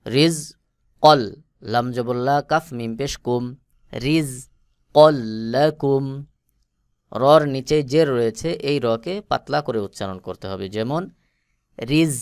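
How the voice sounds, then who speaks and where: A man with a Bangladeshi Bengali accent teaching Quran reading, spelling out letters slowly and chanting the words in long drawn-out tones. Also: medium pitch, vocal fry, clear, resonant tone, no room sound, studio quality. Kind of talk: slow spelled-out recitation lesson.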